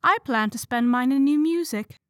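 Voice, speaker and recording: A woman voicing a shy, gentle teenage girl who speaks softly with little sighs. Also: on the high side, normal speed, no room sound, studio quality. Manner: soft, sighing.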